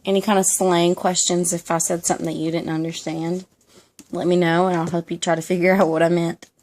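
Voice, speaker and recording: Flat-toned chatty young Southern woman. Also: fairly low pitch, brisk. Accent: Southern American. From Southern United States. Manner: rambling, chatty, laughs often, many ums. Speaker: vlogger. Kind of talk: casual chat to camera. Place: home room, dog nearby.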